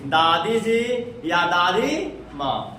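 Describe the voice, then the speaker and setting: Very slow and expressive, this man's high, sharp voice carries across an echoey classroom as he teaches English and quizzes students again and again. His accent is Bihari Hindi, and the distant recording has slight background noise.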